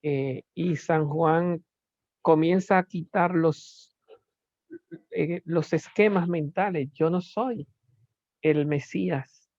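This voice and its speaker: Slow, halting lecturer with a dull sound. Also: medium pitch, darkish tone, dry recording. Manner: slow, searching delivery with many pauses and rhetorical questions. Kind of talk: recorded class lecture on philosophy.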